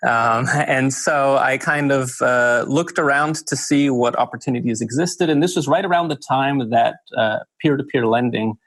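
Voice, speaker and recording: A man's voice: mid-range voice, normal speed, few pauses, fairly bright tone, no room sound. A man in his thirties with an American accent, a guest on an interview podcast, speaking in a thoughtful, articulate way with many "kind of"s and "you know"s. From Switzerland. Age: 30s. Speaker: guest investor. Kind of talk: casual interview chat.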